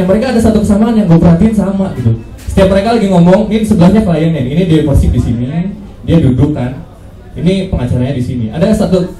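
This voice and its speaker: A man's voice: on the high side, warm tone. Young male stand-up comedian with casual crowd banter, heard from a distance in an echoey room. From Indonesia. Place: open mic comedy venue. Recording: roomy, distant stage recording.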